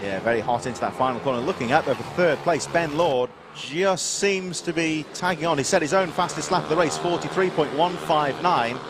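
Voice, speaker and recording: A race commentator calls live motorsport from trackside, rattling off rider names and the running order with hardly any pauses. His voice is a little high and fairly quick, and vehicle and outdoor track noise fill the rough recording.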